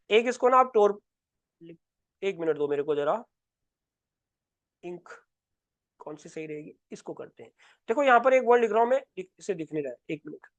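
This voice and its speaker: A man teaches English vocabulary in Hindi with an Indian accent, racing through words in a very high voice. He keeps posing questions and answering them himself. The sound is dry and close. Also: no room sound. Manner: repetitive, asks and answers his own questions. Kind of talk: Hindi exam-prep lesson, explaining words.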